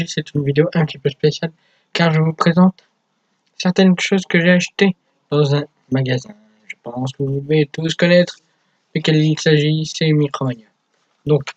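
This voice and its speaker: A man's voice: fairly high pitch, no room sound, muffled recording. A young man in his teens hosting a casual unboxing vlog for his gaming channel, chatty and self-mocking. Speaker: gaming YouTuber.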